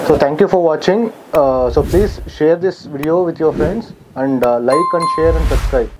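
A man's voice: fairly high pitch, extremely slow, noisy background. A man guiding a walking tour of vacant residential plots, listing figures plainly with frequent "aa" fillers and self-corrections, recorded outdoors on a camera mic. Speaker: real estate guide touring sites. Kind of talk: walking site-tour narration. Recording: slightly dull camera audio with faint outdoor ambience.

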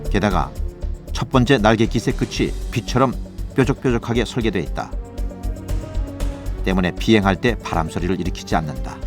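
A man narrating a scripted nature documentary in a measured, formal storytelling manner. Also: fairly low pitch. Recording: voice over background music. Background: music.

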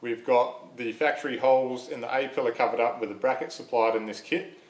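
A man's voice: medium pitch, brisk, echoey room. A young Australian man casually explaining a car part swap in a workshop shed, plain-spoken with plenty of ums. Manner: relaxed, plain-spoken, frequent ums and uhs. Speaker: vlogger. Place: large metal workshop shed.

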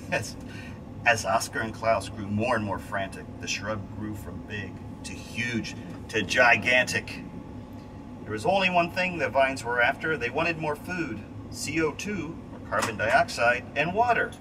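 A middle-aged man with a mid-range, slightly slow voice reads a rhyming children's storybook aloud with lots of expression, stumbling and rereading now and then. He's in a small, cramped window module on a space station, picked up by a distant mic beneath a loud, steady ventilation hum much like air conditioning.

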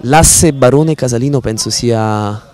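A man giving play-by-play football commentary in florid, formal sportscaster language, with excited surging goal calls. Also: medium pitch, a little slow. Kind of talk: amateur football match commentary.

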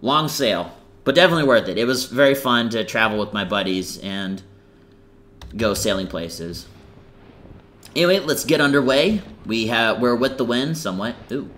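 A man's voice: medium pitch, animated, normal speed, fairly bright tone, a little hiss or hum. A young man giving casual, rambling commentary over a game he is playing, full of fillers and self-corrections. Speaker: gaming channel host.

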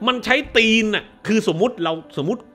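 A man's voice: high voice, fairly quick, sharp tone, faint music behind. A man hosting a movie review show, ranting casually in a crude, profane, sarcastic way.

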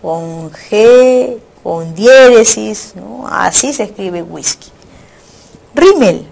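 A woman's voice: mid-range voice, expressive, drawn-out words, gravelly, a little mellow. A woman teacher giving a recorded online lecture, explaining carefully, repeating and rephrasing her points and often checking in with her students. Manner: explanatory, frequent tag questions.

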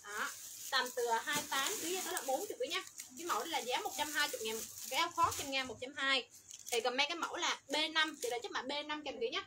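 Woman, livestream seller, high voice, breakneck pace, noisy room behind her. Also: quick pace. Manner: rattles off product codes and sizes, upbeat selling. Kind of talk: fast livestream sales pitch.

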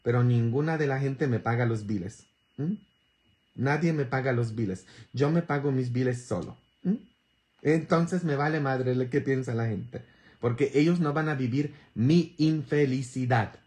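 Slow, bantering priest. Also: male voice, medium pitch. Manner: bantering, earthy humor, constant tag questions; sudden loud emphatic bursts. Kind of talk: informal sermon.

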